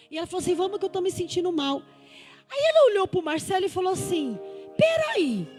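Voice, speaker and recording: A woman pastor preaches a testimony in a very high voice. She acts out the dialogue of her story and builds to fervent exhortation. Soft music plays faintly behind her. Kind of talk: testimony sermon.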